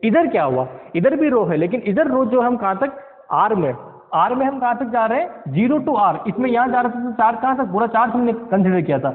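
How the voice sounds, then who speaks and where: A man's voice: extremely high pitch, lively intonation, a little fast. A man teaching physics in a classroom lecture, often asking his students questions and mixing English terms into his talk. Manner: keeps asking the class questions, checks understanding; mixes English science terms into Hindi. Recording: tinny lo-fi sound with long reverb.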